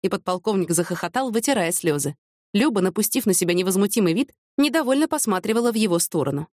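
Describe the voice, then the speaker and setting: Brief: female audiobook narrator, measured, mid pitch, dry close mic. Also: expressive, a little mellow, dry recording. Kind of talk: scripted narration.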